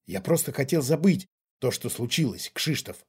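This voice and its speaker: A man voicing a frightened, angry middle-aged father who shouts back in defiance. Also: mid-range voice, animated, moderate pace, breathy edge. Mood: defiant.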